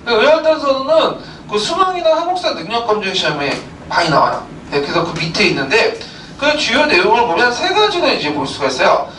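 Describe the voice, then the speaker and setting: A man's voice: very high-pitched, wildly swooping pitch, a little fast, pushed and bright. A man teaching a history lecture, explaining with rhetorical questions and many filler sounds. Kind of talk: recorded lecture. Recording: roomy, distant mic, faint background noise.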